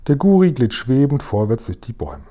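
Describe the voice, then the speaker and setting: A man reading a children's book aloud in a calm, even storytelling voice. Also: medium pitch, fairly quick. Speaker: reader.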